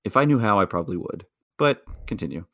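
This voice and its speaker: A man's voice: lowish voice, lively intonation, fast talker, fairly bright tone, dry recording. A man co-hosting a podcast with friends, dry and self-mocking as he plugs his friend. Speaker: podcast co-host. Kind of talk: casual chat among friends.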